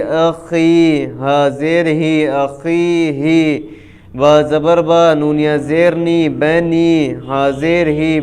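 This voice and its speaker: Guy teaching quran letters, slow drawn-out drills, kinda high flat voice. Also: clean tone. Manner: drawn-out syllables, explains quickly between drills.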